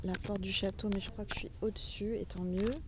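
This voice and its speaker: A woman's voice: mid-range voice, flat delivery, brisk, background noise. A woman giving a casual, chatty tarot reading outdoors in front of a castle, talking straight to her viewers. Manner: chatty, addresses viewers as little stars. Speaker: tarot reader.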